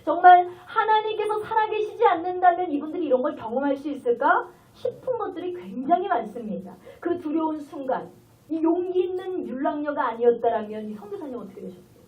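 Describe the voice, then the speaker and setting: High-voiced woman pastor preaching. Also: brisk. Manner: animated, acting out voices, emotional. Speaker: guest pastor. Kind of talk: revival sermon with storytelling. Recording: distant tinny lo-fi sermon recording.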